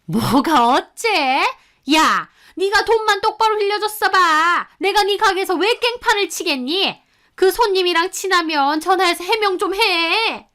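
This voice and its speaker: A woman voicing a greedy, shrill middle-aged mother-in-law who screeches and scolds in a storytelling radio drama. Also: a little slow, a bit bright. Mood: shrieking furious.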